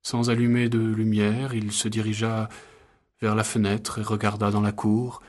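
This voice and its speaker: Low husky male storyteller. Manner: even, measured reading. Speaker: narrator. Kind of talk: scripted story narration.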